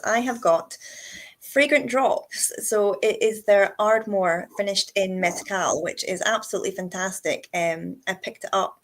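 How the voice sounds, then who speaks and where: A woman with a Scottish accent, hosting a casual live chat in a chatty, enthusiastic way. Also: medium pitch. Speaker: host.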